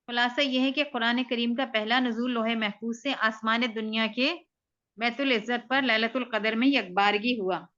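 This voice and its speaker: A woman student reading a lesson aloud in a steady way and giving short answers to her teacher. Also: fairly high pitch, lo-fi sound.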